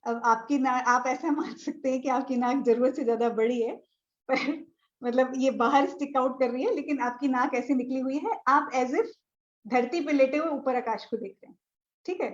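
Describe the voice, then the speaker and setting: High-voiced woman teaching a lesson. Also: normal speed, highs cut off. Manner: explains step by step with a globe, checking with ठीक है. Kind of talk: live online astronomy lesson. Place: indoor room with a board and a tablet.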